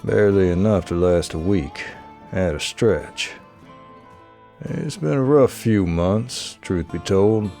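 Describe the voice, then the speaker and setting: A man gives a deep, low voice to this measured, storytelling game narrator. He reads second-person scripted narration with a steady pace. Soft music plays faintly behind him. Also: creaky, full character voice.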